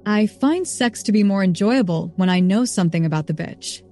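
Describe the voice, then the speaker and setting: A stern lord gives firm orders in a steady, mid-pitched voice, as a woman reads him aloud. He is commanding yet kind. It sounds like a storybook reading with faint music underneath. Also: moderate pace, lightly acted. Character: stern but kind man, a knight-like lord.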